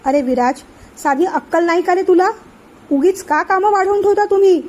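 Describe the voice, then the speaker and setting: A woman's voice: sits high, normal speed, a little mellow, lo-fi sound, lightly acted. A woman reading the part of a stern, angry middle-aged uncle who scolds impatiently. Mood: scolding.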